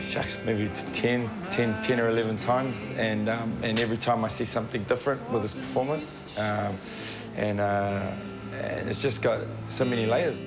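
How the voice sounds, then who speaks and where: A man's voice: on the low side, steady tone, normal speed. A man giving casual, admiring interview comments. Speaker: interviewee praising a colleague. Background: guitar music.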